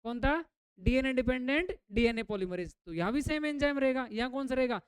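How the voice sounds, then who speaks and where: Her voice is high, clean and lively in intonation, moving fairly quickly in a dry recording. The speaker is a female biology teacher in class who keeps asking questions, repeats the answers on her own, and drops English words into her explanations.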